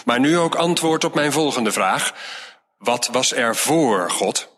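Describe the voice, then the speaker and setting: A man's voice: mid-range voice, expressive, takes it slowly, fairly bright tone, slight background noise. A man doing a demanding old king. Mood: gruff. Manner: commanding, imperious. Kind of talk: storybook reading. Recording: long hall reverb.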